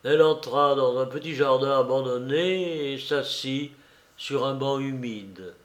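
A man reading a literary story aloud in a measured, sombre narrating voice. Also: mid-range voice, echoey room. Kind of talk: audiobook reading of literary prose.

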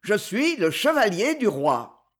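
A reader voicing a raspy, vehement male knight. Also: mid-range voice, very animated, slow pace. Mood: stern. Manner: solemn, grave, vehement. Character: proud adventurer knight, fierce and wounded in honor.

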